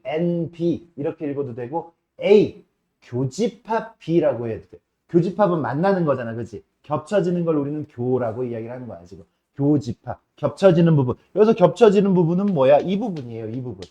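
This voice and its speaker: A man's voice: on the high side, dark tone, dull audio. Casual man teaching math. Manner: casual, asks students frequent checking questions; slows down and stresses key terms. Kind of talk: classroom lecture.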